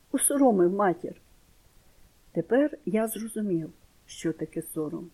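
A woman reading a first-person children's story aloud in an expressive way, voicing the characters. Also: medium pitch, poor audio.

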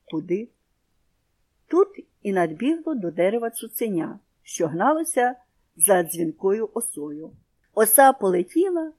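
A woman reading a children's story aloud in an expressive storybook manner, then asking comprehension questions. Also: medium pitch.

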